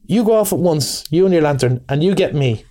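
A man's voice: on the high side, lively intonation, a little fast, warm tone, pitched above the performer's own voice, natural voice. A man voicing a masterful male water rat in a storybook, hearty, bossy and hospitable. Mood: commanding. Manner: hearty, commanding.

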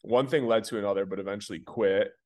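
A man's voice: on the low side, fairly even intonation, fast talker, a little mellow, highs cut off. A man, a company founder, telling stories casually with lots of fillers. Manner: rambling, filler-heavy storytelling. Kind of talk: casual interview.

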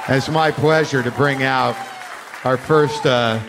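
A man's voice: medium pitch, steady tone, a little slow, a crowd in the background. American man hosting a live comedy show. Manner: profane, informal. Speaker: podcast host, comedian. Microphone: stage microphone. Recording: live room with faint background noise.

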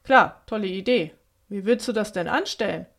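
A woman's voice: mid-range voice, animated, moderate pace. A woman voicing a dry, mocking house cat. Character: lazy, sarcastic male house cat.

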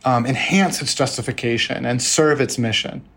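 A man's voice: medium pitch, normal speed, a bit bright, breathy edge. A man speaking as an expert guest in a conversational interview, explaining informally and acting out bits of quoted dialogue.

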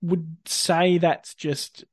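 Australian man, slightly high voice, podcast host, casual sports chat, informal delivery, very dry recording. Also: level tone, very slow, breathy edge, no room sound. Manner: informal, conversational.

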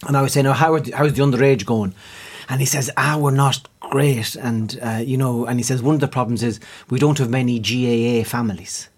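A man with an Irish accent hosts a casual, comic chat. His voice is a bit husky and sits at a middle pitch. He is wry and teasing, often circling into his questions. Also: fairly even intonation, fast talker, hardly any pauses, darkish tone. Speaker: podcast host asking questions.

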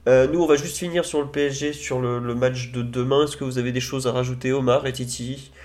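A man hosting a casual football live stream, talking in a relaxed way with many fillers. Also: mid-range voice, brisk.

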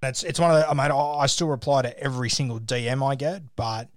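A man's voice: medium pitch, fairly even intonation, quick pace, dry recording, clean studio sound. An Australian man chatting casually, giving advice in a matey, blokey way and swearing freely. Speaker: social media sports page creator giving advice. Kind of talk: casual phone chat.

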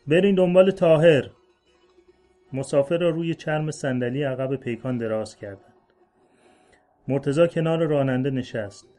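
A man reads a literary short story aloud, letting the sentences unfold in a measured, slow-building way. His voice is mellow and dark at a middle pitch. Quiet instrumental music sits faintly underneath. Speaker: story reader.

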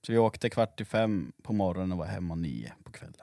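Low-key man, short replies. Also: animated, vocal fry, dark tone. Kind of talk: casual chat.

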